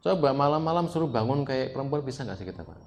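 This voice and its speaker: A man with a Javanese accent preaching a sermon, lively, often questioning the listeners and jumping up in pitch. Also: fast talker, a little hiss or hum. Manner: lively, keeps asking the audience questions, sudden high jumps. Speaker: Islamic preacher. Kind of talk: sermon to a live congregation.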